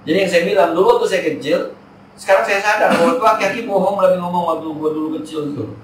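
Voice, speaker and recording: A man's voice: high voice, fast talker, a bit bright, slight background noise. A man, giving a chatty, joking religious study talk in a mosque. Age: 40s. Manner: chatty, jokey, slangy Jakarta talk. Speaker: Islamic teacher. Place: mosque hall. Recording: echoey hall from far off.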